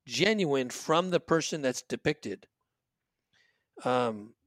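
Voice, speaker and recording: A man's voice: on the high side, dry recording. Man running a tabletop game. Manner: rambling, with many fillers and restarts. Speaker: game master.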